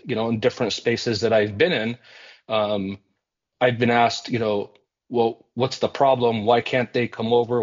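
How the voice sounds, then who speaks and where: A man of ordinary pitch gives earnest remarks at a civic meeting, measured and thoughtful, with many ums and uhs. The sound is somewhat dull and muffled, as if the recording loses its highs. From United States. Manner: earnest, measured, with frequent fillers. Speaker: community center representative.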